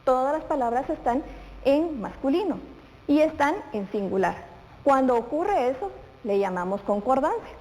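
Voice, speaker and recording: Teacher in a reverberant room. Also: female voice, sits high, animated, moderate pace, dark tone. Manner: asks questions and answers them, speaks directly to the pupil. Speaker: primary school teacher. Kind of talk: televised grammar lesson for children. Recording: reverberant room with faint noise.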